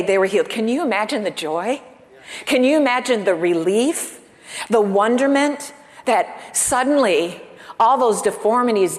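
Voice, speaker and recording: A woman pastor delivers a sermon in a mid-range voice. She stops to put questions to the congregation and leans on pauses for emphasis. Her voice carries a long reverb from a large church sanctuary. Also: medium pitch.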